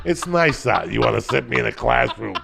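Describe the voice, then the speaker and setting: Gravelly, profane New storyteller. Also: male voice, mid-range voice, expressive, brisk, a loud crowd. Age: middle-aged. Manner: profane, rambling, laughing storyteller. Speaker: podcast host telling stories. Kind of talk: casual storytelling chat.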